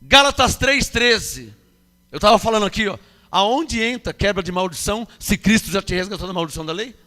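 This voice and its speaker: A man's voice: high-pitched, animated, brisk, sharp tone, in a large hall. A man with a Brazilian Portuguese accent preaching a sermon, emphatic, questioning the congregation and acting out quoted voices. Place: church hall.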